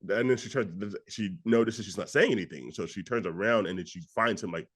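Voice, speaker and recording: On the low side and a little quick, the young co-host's voice carries an animated, meandering recap of a film scene. He keeps reaching for "like" as he goes.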